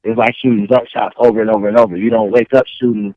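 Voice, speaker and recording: Fairly low and steady, this man's voice moves at a quick pace on a dry, dull recording. A rapper raised in Chicago who later moved to Mississippi, he has a Chicago accent with a faint Southern edge and chats casually in his interview, often checking in with "you know what I'm saying."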